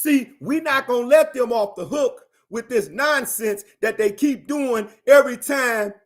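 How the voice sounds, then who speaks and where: A man giving animated, emphatic commentary and answering viewers, driving his points home with repeated phrases. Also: very high voice. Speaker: commentator on a livestream.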